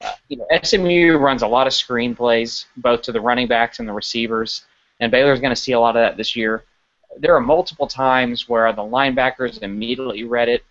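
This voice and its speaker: Male podcast co-host, casual game analysis, quick restarts, lo-fi audio. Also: mid-range voice. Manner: animated, stumbling restarts while analyzing. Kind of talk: casual sports podcast chat.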